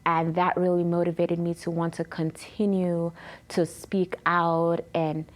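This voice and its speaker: Low-voiced woman sharing her story. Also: unhurried. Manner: earnest, animated when retelling conversations. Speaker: interview guest. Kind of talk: personal testimony in an interview.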